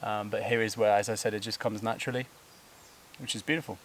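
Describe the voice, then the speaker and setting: A man with a fairly low voice vlogs on a steep hillside trail, out of breath from the climb. He rambles in a loose, casual way, full of fillers and quick laughs. A faint buzz of insects hangs behind him. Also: fairly even intonation, fairly bright tone, a little hiss or hum. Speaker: vlogger. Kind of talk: casual talk to camera while hiking. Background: buzzing insects.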